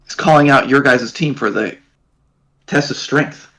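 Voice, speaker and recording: A man's voice: medium pitch, fairly bright tone, low-quality recording. A man narrating as dungeon master, rambling and restarting his sentences. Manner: rambling, halting, many restarts. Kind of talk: narrating a tabletop game.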